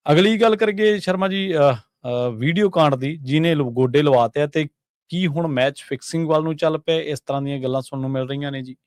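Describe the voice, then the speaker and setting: A man's voice: on the high side, brisk, no room sound, studio quality. A man hosting a political talk show, murmuring agreement often and then moving the talk on. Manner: frequent short agreeing murmurs. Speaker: show host.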